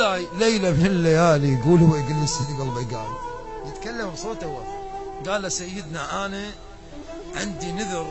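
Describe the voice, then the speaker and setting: Male preacher, high and animated delivery, dramatic storytelling with shouted and chanted peaks. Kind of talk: emotional religious storytelling sermon. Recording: music playing behind the voice.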